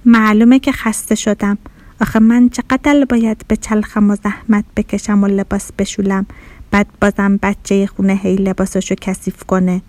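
A woman's voice: medium pitch, little pitch movement, darkish tone, no echo, close to an everyday voice. A woman voicing a grumpy, lazy washing machine in a children's story, sulky and complaining. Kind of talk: storybook character voice.

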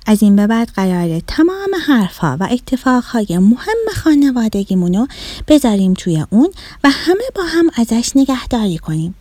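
A woman voicing a stern, exasperated fish father in a children's story, speaking in grave, hushed tones. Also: fairly high pitch, dry recording.

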